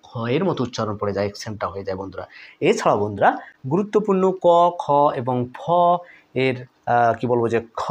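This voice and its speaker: A man with a Bangladeshi Bengali accent teaching English pronunciation, who repeats example words several times with stress and asks the viewer questions. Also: mid-range voice. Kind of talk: lesson.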